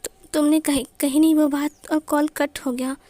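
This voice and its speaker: A woman voicing a calm, devoted young man who speaks gently and soothingly. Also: high-pitched, normal speed, no echo, close to an everyday voice. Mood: gentle.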